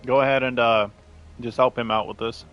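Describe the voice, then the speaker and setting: A man's voice: medium pitch, steady tone, a little fast, dull audio, soft background music. A young man casually chatting and swearing while streaming a game, eating as he talks. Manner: rambling, swears freely, talks with mouth full. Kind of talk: casual livestream chat.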